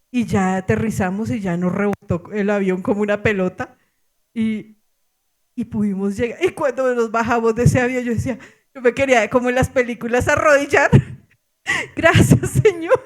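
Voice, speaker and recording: Her voice on the high side, a middle-aged woman pastor with a Colombian accent recounts a story in a sermon. Animated and full of laughter, she punctuates it with exclamations.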